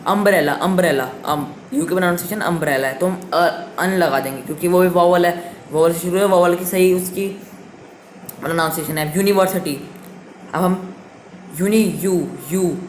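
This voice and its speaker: A man's voice: high voice, moderate pace. A man teaching a grammar lesson online, patient and repetitive, sounding words out again and again. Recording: echoey room with faint noise.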